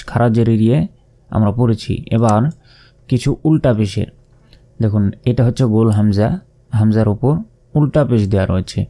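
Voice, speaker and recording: A man with a Bangladeshi Bengali accent leads a Quran reading lesson. His voice is dark and mellow at a middle pitch, and he explains patiently, saying each letter and sound aloud again and again. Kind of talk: step-by-step recitation lesson.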